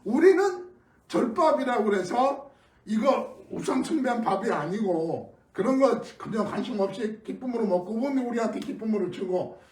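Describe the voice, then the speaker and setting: A middle-aged man from Korea preaching an early-morning sermon as pastor, telling stories in a conversational way with sudden loud emphases. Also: high-pitched, slight background noise. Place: church sanctuary. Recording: echoey room, mic at a distance.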